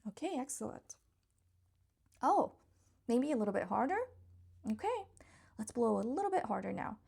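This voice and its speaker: A woman hosts an interactive picture book read-aloud for children, speaking directly to the little ones in a high, swooping voice with big pitch swings and a darkish tone. She takes her time, coaxing and encouraging them, with a touch of husky fry and playful, exclamatory reactions.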